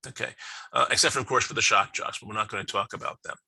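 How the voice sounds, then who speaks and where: A man's voice: fairly low pitch, steady tone, fast, gravelly, bright, forceful tone, slightly rough, dry recording, rough recording. A middle-aged man giving a chatty business lecture over slides, full of fillers and restarts. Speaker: business speaker.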